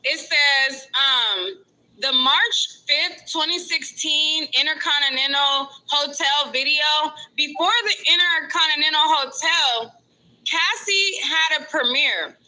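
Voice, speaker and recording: A woman's voice: high-pitched, slow, bright, forceful tone, poor audio. A woman streaming casual commentary from outside a courthouse, reading notes aloud and adding chatty asides. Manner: chatty, reads aloud then adds asides. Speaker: vlogger reporting outside a courthouse.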